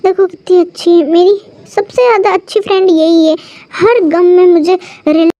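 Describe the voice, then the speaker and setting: A woman's voice: very high voice, fairly even intonation, moderate pace, dark tone. Woman voicing a drunk, lovesick young man. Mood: drunk sulking. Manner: slurred, stammering speech. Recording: dull lo-fi recording.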